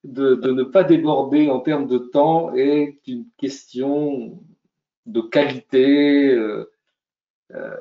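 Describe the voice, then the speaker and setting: A man speaking as a coaching guest on a webinar, slow and calm, retelling a film scene. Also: mid-range voice. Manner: slow, thoughtful, soothing. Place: video call. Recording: roomy, lo-fi call audio.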